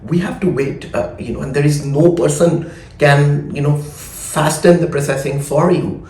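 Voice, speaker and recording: A man's voice: fairly high pitch, measured pace, darkish tone. A man with a choked, congested voice, explaining things informally to viewers as a consultant, with frequent "you know" asides. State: recovering from a choked voice. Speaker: immigration consultant presenting advice. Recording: echoey room with background noise.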